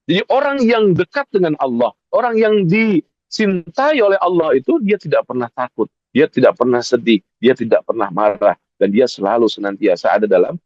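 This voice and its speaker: A man's voice: medium pitch, very animated, normal speed, dry recording. A male Islamic preacher, giving an emphatic sermon that repeats key phrases and speaks straight to the congregation. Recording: dull lo-fi recording, dry.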